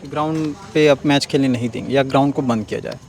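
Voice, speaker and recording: A male news reporter outdoors, calmly asking probing questions in a field interview. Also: mid-range voice, quick pace.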